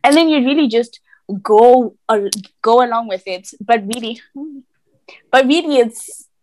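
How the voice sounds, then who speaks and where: Young woman, slightly high voice, casual podcast chat, slangy animated storytelling. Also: measured pace.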